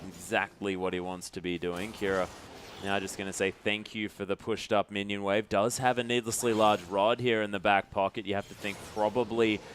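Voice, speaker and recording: A man's voice: on the low side, level tone, normal speed, slight background noise. Wry male esports color caster. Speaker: esports commentator.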